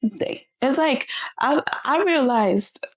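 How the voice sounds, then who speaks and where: A young woman from Italy, a podcast guest, speaking candidly and relaxed in casual chat, laughing easily. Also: high voice, takes it slowly. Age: young adult.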